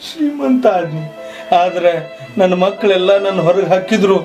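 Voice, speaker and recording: Guy playing a dying old rich landlord, north karnataka accent, high voice, coughs, far mic, loud music. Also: lively intonation. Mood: solemn. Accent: North Karnataka Kannada. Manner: pleading, drawn-out speech with coughs. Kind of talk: village comedy skit.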